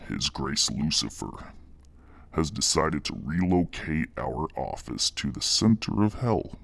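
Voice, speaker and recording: A man voices a menacing reptilian demon boss in an exaggerated, deep, gravelly growl, slow and mock-polite like a condescending corporate superior. His mood is cold and condescending, and the recording has no echo.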